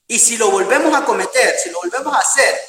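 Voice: mid-range voice, animated, brisk, far from the mic, crowd noise. A preacher delivering an earnest sermon to a congregation he calls beloved brothers and friends. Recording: roomy hall, voice from afar.

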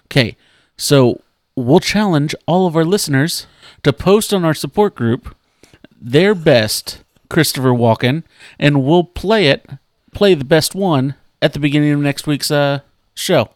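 A man's voice: a little high, lively intonation, unhurried, no room sound, studio quality. A man co-hosting a casual fitness podcast, easygoing, reading out trivia questions in earnest. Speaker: podcast co-host running a trivia segment. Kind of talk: casual chat.

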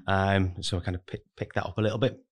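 A man's voice: low-pitched, flat delivery, fast talker. A man speaking casually as a podcast guest, rambling and hedging as he explains himself. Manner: rambling, heavily hedged with kind of and really. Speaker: podcast guest, recruitment manager. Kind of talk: casual interview talk.

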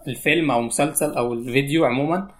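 A man's voice: mid-range voice, racing. An Egyptian man speaking in natural, unscripted casual talk as an interview guest, explaining things step by step. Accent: Egyptian Arabic. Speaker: interview guest, YouTube animator.

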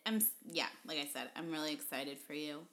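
A woman's voice: sits low, steady tone, brisk, pushed and bright. A woman chatting casually with her husband for their vlog, chatty and giggly, rambling a little. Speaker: wife in a couple's vlog. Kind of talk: casual chat.

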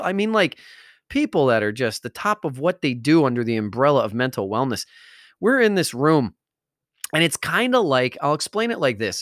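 A man's voice: mid-range voice, fairly bright tone, dry recording, clean studio sound. A man hosting a podcast, delivering an emphatic motivational monologue and repeating phrases for stress. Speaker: podcast host.

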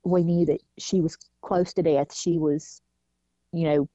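A woman talks through a personal story in an easy interview, slipping into the voices of people she quotes. Her voice sits low and mellow. The recording is dull and lo-fi, with a dry, close sound. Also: fairly even intonation, unhurried, no room sound. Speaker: guest, mother. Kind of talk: casual interview talk.

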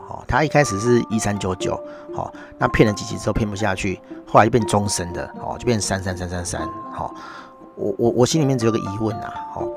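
A middle-aged man with a Taiwanese Mandarin accent, hosting a casual monologue and ranting with sarcastic, mocking asides. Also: lowish voice. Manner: sarcastic, mocking rant with constant tag particles. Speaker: podcast host.

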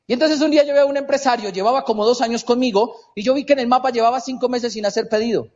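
A man's voice: very high voice, rapid-fire, darkish tone, long reverb tail, dull audio. A man giving a motivational business seminar talk, emphatic and repetitive, with rhetorical questions. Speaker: business speaker.

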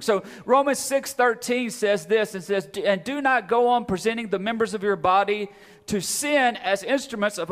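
A man's voice: high voice, a bit bright. A man preaching a sermon to his congregation, asking questions and repeating phrases for emphasis. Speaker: pastor. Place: church hall. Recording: long hall reverb.

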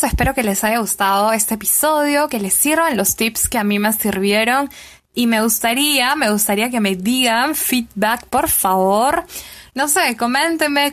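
A woman's voice: medium pitch, fairly bright tone. A woman hosting a podcast, talking to her listeners in a chatty, upbeat way. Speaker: podcast host. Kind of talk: casual podcast monologue.

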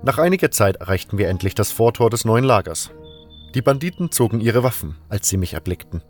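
A man narrating a first-person fantasy story in a steady, even way. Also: fairly low pitch, brisk, faint music behind. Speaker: audiobook narrator.

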